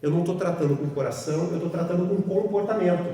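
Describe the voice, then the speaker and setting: A man with a southern Brazilian accent leads a training session for teachers. His voice sits a little higher than usual and bounces around a large echoing hall. He sounds far from the mic and keeps checking in with tag questions as he explains. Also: rapid-fire, dark tone. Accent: southern Brazilian (Rio Grande do Sul). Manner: explanatory, constant tag questions, acts out scenes. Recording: echoey hall, voice from afar.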